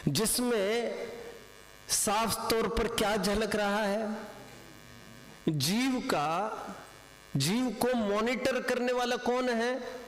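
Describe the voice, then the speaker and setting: A religious teacher addresses a class of students, quizzing them, repeating his questions, and mixing in English words. He has a high, fairly bright voice, draws out his words, and pauses often, in an echoey hall with long reverb.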